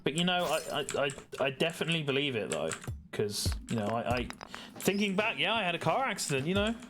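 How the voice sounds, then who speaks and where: A man talks casually over a co-op game, mixing dry sarcastic jokes into his running commentary. His pitch moves around a lot as he reacts. Game music plays clearly behind him. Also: very animated, fast talker. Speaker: gaming video host. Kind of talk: casual co-op gameplay chat.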